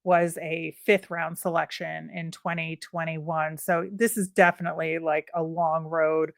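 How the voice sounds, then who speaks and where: A woman co-hosting a sports podcast in a relaxed, chatty way, musing aloud and filling pauses as she goes. Her voice sits a little low, and the recording is close and dry with no room sound. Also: gravelly, dry recording. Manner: conversational, thinking aloud with fillers. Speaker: podcast co-host. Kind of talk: casual sports podcast chat.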